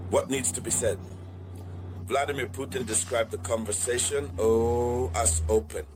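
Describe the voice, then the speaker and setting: A medium-pitched man hosts an online political news analysis, addressing viewers deliberately and repeating key phrases.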